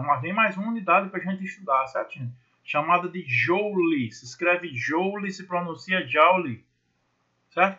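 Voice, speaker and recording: A man's voice: high-pitched, sharp tone, lo-fi sound. A man teaching a physics class in Brazilian Portuguese, chatty and jokey, repeating key points and voicing students' questions himself. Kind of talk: recorded online class.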